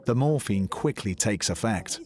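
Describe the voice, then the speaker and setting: A man's voice: fairly low pitch, animated, unhurried, darkish tone. A man reading scripted narration for a documentary. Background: background music.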